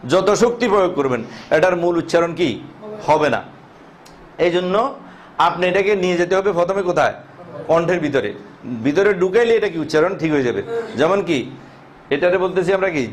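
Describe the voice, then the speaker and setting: Slightly high-voiced man teaching letters. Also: slight background noise. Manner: asks the class questions and answers them himself, drawing out letter sounds. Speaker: Quran teacher. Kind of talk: teaching Arabic letter pronunciation.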